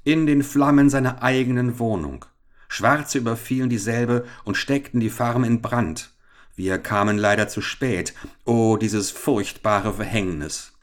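A man voicing a scheming English police captain who talks overly loud and wails theatrically. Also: medium pitch, animated, moderate pace, few pauses, pitched above the performer's own voice, close to an everyday voice. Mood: wailing.

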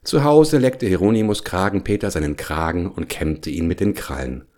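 A man narrating a children's storybook in an unhurried, expressive way. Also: low voice.

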